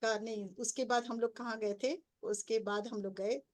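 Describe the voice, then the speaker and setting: A woman's voice: fairly high pitch, normal speed. A middle-aged woman, a spiritual coach, earnestly recounting her spiritual experiences as a personal story. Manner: earnest storytelling, grows excited and breathless. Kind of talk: personal testimony.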